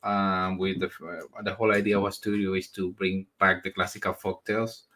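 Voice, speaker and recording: Giving conversational interview answers, a comic book creator in his forties speaks in a low, bright voice with little pitch movement. He is from Spain but was raised in the United States. He hesitates and repeats words as he gropes for phrasing.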